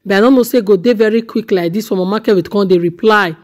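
A woman's voice: medium pitch, fast, darkish tone. A woman with a Nigerian accent hosting a reaction channel, commenting on a clip in a gossipy, exclaiming way. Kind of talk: casual commentary on a video.

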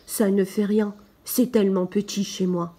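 A woman voicing an earnest, curious little boy prince in a soft, partly whispered storybook reading. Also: medium pitch, flat delivery, moderate pace, close to an everyday voice. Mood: wistful. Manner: insistent, wondering questions.

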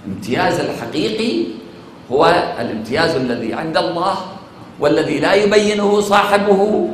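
A man with an Iraqi accent delivers a religious lecture in a slightly raised voice. He is measured and emphatic, and he slows on key points and answers his own questions. The sound rings heavily around a large hall, with faint noise underneath. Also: on the high side, lively intonation. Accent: Iraqi Arabic. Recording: very echoey hall.

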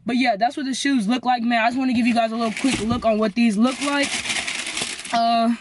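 Holding the camera at arm's length, a teenage boy with an American accent chats informally to viewers, full of slang. He speaks fairly quickly in an extremely high, steady voice, with background noise audible.

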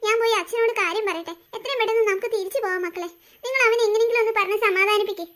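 A woman voicing a gentle coaxing cartoon mom. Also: extremely high pitch, very fast. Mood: soothing. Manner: soothing, coaxing. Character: gentle patient young mother. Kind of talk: cartoon voice acting.

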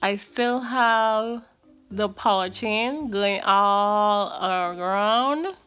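A woman's voice: mid-range voice, extremely slow, fairly bright tone, smooth, faint music behind. Woman talking with finger pulling lip down. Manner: chatty, frequent filler like and um. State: wearing braces with a tongue crib. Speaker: vlogger. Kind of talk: casual vlog update.

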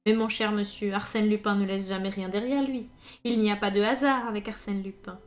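A woman voicing a calm, dry-witted male police inspector in a story reading. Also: mid-range voice, natural voice. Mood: matter-of-fact. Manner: calm, wry, unhurried.

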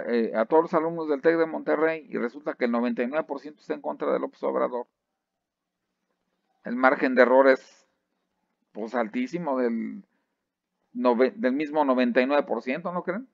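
A man lecturing a class, lively, often checking in with his listeners and restarting phrases. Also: mid-range voice, dry recording. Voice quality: gravelly. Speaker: university lecturer. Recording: dry, slightly dull sound.

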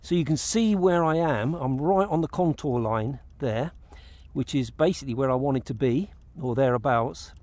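A man's voice: mid-range voice, moderate pace, few pauses, darkish tone, no echo. A middle-aged man on a kayak out on open water, talking casually to an action camera and explaining his fishing step by step, often restarting his phrases. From England. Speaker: fishing vlogger. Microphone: action camera mounted on the kayak.

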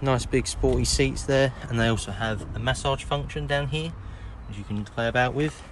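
A medium-pitched man with an English accent speaks at an even, moderate pace as he casually shows off a car at a dealer's forecourt, then climbs inside. He narrates simply and leans on the same fillers again and again. It's phone-camera footage he holds himself, with obvious ambient noise.

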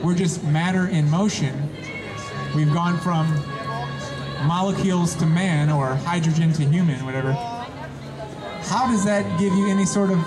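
A man's voice: on the high side, normal speed, long pauses. A man making a methodical debate argument, reasoning step by step and posing rhetorical questions to listeners. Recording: music and crowd noise behind. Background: music and crowd.

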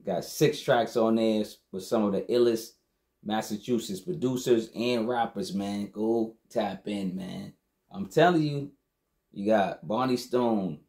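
A man's voice: on the low side, mellow. A man giving a casual, slangy review of a rap album as the show's host, often dropping "you know what I'm saying". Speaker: hip-hop album reviewer.

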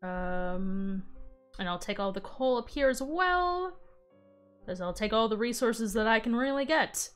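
A woman's voice: fairly high pitch, big pitch swings, unhurried, clear, resonant tone, faint music behind. A woman streamer doing live in-character game commentary in a rambling, hesitant, professor-like manner. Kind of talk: live in-character Minecraft roleplay commentary, chatting with viewers.

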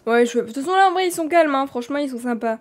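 Animated French woman streamer. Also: sits high. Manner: animated, dramatic, quick swings in loudness. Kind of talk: live game role-play.

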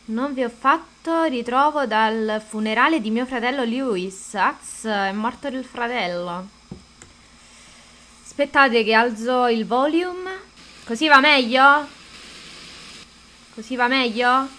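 Bright-voiced woman streaming a game. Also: on the high side, takes it slowly, pauses often. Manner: chatty, greets viewers, swears at the game. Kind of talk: casual live-stream gameplay chat.

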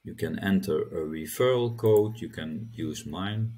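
Low, slow, husky-voiced man demoing a screen. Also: warm tone. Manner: halting, repeats words while clicking through steps. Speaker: crypto channel host. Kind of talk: screen-recorded tutorial walkthrough.

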